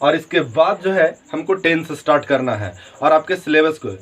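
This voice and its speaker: A male teacher with a rather high voice walks students through a grammar lesson. He explains patiently and repeats points, and he often stops to check that they are following and to spell words out letter by letter. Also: lively intonation, moderate pace, a bit bright, low-quality recording. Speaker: English teacher.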